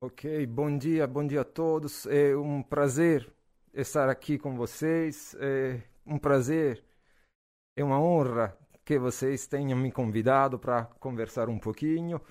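A man in his forties from Naples with an Italian accent, a physics professor answering interview questions in a relaxed way, with frequent hesitations and fillers. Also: medium pitch, unhurried. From Naples, southern Italy. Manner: hesitant, many "ah" fillers, laughs easily.

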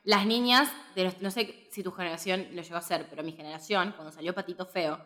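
A woman's voice: fairly low pitch, fast talker. A woman in her twenties with a Rioplatense Spanish accent, co-hosting a film podcast and telling stories in casual, slangy chat. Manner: animated storytelling with laughter, slangy. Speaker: podcast co-host.

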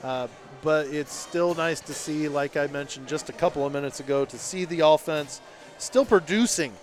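A man calling high school football play-by-play on local radio, building to shouts on big plays and reading sponsor spots. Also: normal speed, some chatter behind. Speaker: play-by-play announcer.

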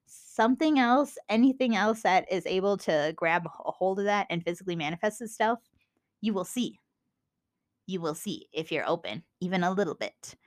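Young Minnesotan woman, mid pitch, casual rambling host, lots of ums and restarts. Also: animated, fairly quick, hardly any pauses. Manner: rambling, with frequent fillers and self-corrections. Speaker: podcast host. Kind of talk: casual spiritual teaching talk.

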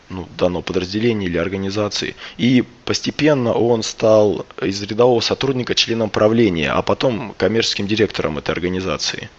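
A man hosting a podcast in casual talk, his voice gravelly and hoarse from a cold, feeling for his words. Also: lowish voice. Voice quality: gravelly, hoarse voice with throat clearing. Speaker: podcast host. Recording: dull, lo-fi sound.

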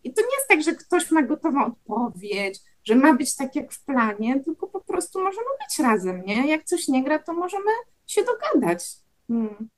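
A woman's voice: high voice, big pitch swings, normal speed. A woman hosting a conversational interview, thoughtfully summing up and praising her guest's points. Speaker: podcast host.

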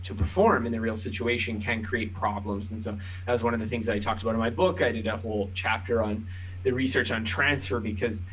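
An author appearing as a podcast guest explains ideas thoughtfully in interview talk, offering plenty of examples. His lowish voice is brisk, husky, a bit bright, and fairly even in intonation, on a low-quality recording.

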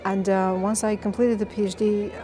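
A Bulgarian game composer tells her story passionately in an interview, giving casual answers in a medium-pitched voice at a moderate pace. A lively storyteller, she uses fillers, with soft music in the background.

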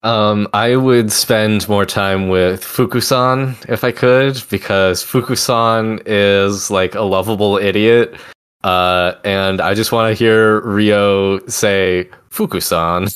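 A man's voice: lowish voice, steady tone, takes it slowly, a bit bright, smooth. A man co-hosting a casual gaming podcast, talking hesitantly and often restarting his sentences. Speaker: podcast co-host. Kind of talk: casual chat.

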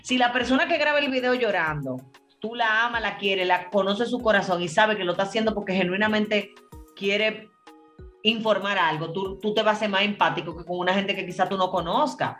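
A woman's voice: medium pitch, brisk, fairly bright tone, soft background music. Female panel host, reflective and earnest, roomy echoey sound. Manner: earnest, reflective, addresses the group as señores. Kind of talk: casual panel chat.

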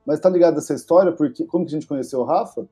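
A young man with a Brazilian Portuguese accent and a husky voice, chatting casually in slang. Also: fairly high pitch, racing, mellow, faint music behind. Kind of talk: casual chat.

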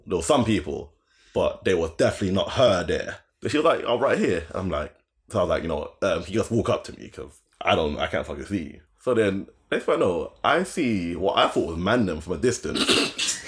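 A young man with a London roadman accent and a notably low voice. His pitch moves around a lot as he spins a casual, slangy anecdote, often repeating phrases to drive them home. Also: very animated, moderate pace. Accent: London, urban roadman.

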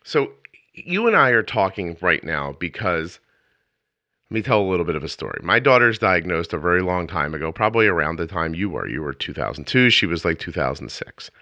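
A low-voiced man chats casually as a podcast host, rambling and restarting as he tells his story. His tone is bright and forceful, recorded dry with a dull, muffled edge. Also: big pitch swings, fairly quick, no echo. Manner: rambling, self-interrupting storyteller. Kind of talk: casual interview chat.

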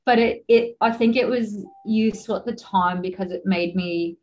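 A woman's voice: mid-range voice, normal speed, darkish tone, dull audio. A woman in her thirties from the United States with an American accent, chatting as an interview guest with many fillers and frequent laughter. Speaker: guest, exercise physiologist. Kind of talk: casual interview chat.

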